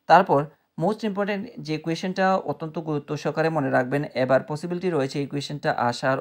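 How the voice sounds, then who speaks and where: A man going through exam questions one at a time, reading each slowly and then explaining and repeating the answer. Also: a little high. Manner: repeats key answers, checks in with "okay?". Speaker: exam prep teacher.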